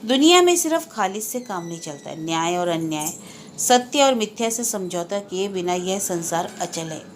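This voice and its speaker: A woman's voice: fairly low pitch, animated, moderate pace, a little hiss or hum, lightly acted. A woman doing a stern, caring elder woman. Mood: chiding.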